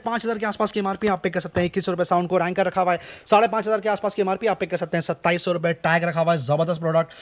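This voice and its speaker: A man with an Indian accent giving an overeager, rapid-fire teleshopping sales pitch, insistent and full of repeated stock phrases, as a shop presenter. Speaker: shop presenter selling discounted goods.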